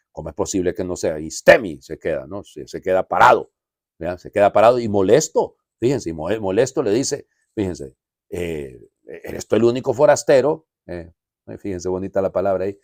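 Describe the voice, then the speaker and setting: A man's voice: low-pitched, no echo, clean studio sound. A man, a priest, giving a conversational homily full of asides and rhetorical questions.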